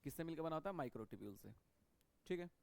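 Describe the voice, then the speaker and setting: A man's voice: on the high side, lively intonation, brisk, vocal fry. A man teaching a biology lecture in a classroom style. He repeats key points and keeps checking that students follow him. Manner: repetitive, checks understanding with frequent "okay".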